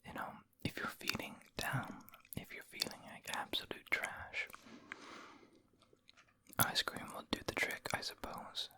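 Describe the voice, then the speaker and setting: Crisp, bright ASMR whisperer. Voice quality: breathy unvoiced whisper. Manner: savoring, unhurried, with eating and mouth sounds. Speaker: ASMR video creator and host. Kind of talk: whispered ASMR eating review.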